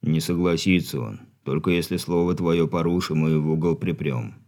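A man's voice: very deep voice, normal speed, darkish tone, voice pushed down. A man reading an audiobook, voicing an older grandfather who speaks earnestly and subdued. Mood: troubled.

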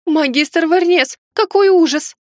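Woman narrator voicing a nervous young lady heroine, high, bright, exclamatory. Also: animated, moderate pace, dry recording, clean studio sound. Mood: anxious. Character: flustered young noblewoman heroine, frightened.

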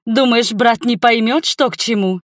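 A woman voicing a fiery young heroine who speaks agitated and loud. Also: on the high side, normal speed, no echo, clean studio sound, voice pushed up, close to an everyday voice. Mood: furious. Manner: agitated, shouting in anger.

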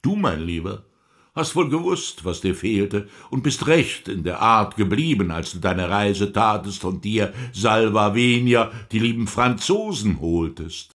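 An actor playing the Devil as a sly, mocking, smooth-talking tempter in a radio drama, theatrical and insinuating. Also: male voice, lowish voice, expressive, measured pace, fairly bright tone. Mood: taunting. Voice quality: husky, breathy, creaky. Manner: theatrical, insinuating, wordy with mannered archaic phrases.

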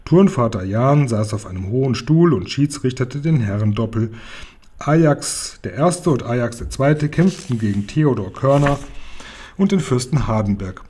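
A man reading a children's novel aloud in a relaxed way, with small slips and his own asides. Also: mid-range voice, moderate pace, slightly rough. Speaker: reader of a children's book.

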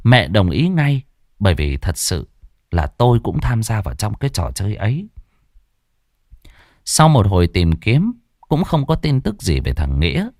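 A man narrating a ghost story in an expressive storytelling manner. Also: lowish voice, normal speed, pauses often, no room sound, clean studio sound.

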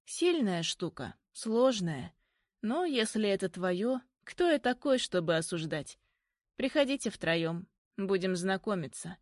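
A woman voicing a powerful older male uncle in an audiobook, speaking in a measured, deliberate way. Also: mid-range voice, big pitch swings, no room sound, clean studio sound. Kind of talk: audiobook reading.

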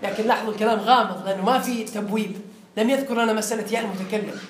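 A man teaches a grammar class in a rapid, fairly high voice. He quizzes the students and says the key phrases more than once. The classroom gives the recording a roomy echo. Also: fairly even intonation, slight background noise.

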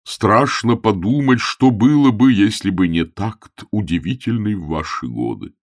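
A man voicing a timid, fussy elderly bishop who speaks slowly and plaintively. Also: lowish voice, animated, no echo, clean studio sound. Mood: relieved. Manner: slow, plaintive and pleading.

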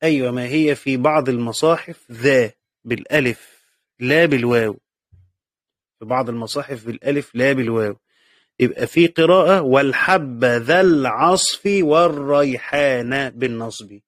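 A man with an Egyptian Arabic accent lectures a class on Quran commentary in a mid-range voice, fairly quick but pausing often. He patiently asks questions and answers them himself, repeating key points. The recording is dry, with clean studio sound.

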